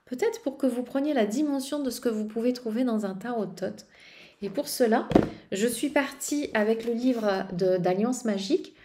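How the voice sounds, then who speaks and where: A woman with a mellow, somewhat high voice vlogs casually about tarot decks in a show-and-tell. She rambles with frequent hesitations and restarts.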